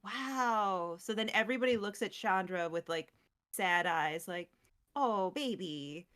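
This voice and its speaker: A woman's voice: medium pitch, unhurried, clear, resonant tone. Chatty woman co-host telling a story. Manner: animated, filler-heavy storytelling. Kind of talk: casual lore recap chat.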